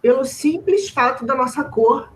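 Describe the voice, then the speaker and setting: A woman's voice: high voice, animated, a little slow, a little hiss or hum, low-quality recording. A Brazilian woman, a teacher, telling a personal classroom story in a discussion, emotional and close to tears at times, chatting with many fillers and tag questions. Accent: Brazilian Portuguese.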